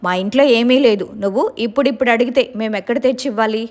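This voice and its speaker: A woman's voice: on the high side, quick pace, darkish tone, lightly acted. A woman voicing her stern mother scolding and threatening a spirit in a told story. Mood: angry.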